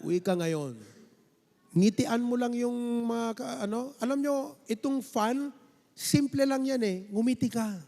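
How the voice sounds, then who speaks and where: High-voiced Filipino pastor preaching in a hall. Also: male voice, a little slow. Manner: lively, playful preaching, switching between languages. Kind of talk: sermon.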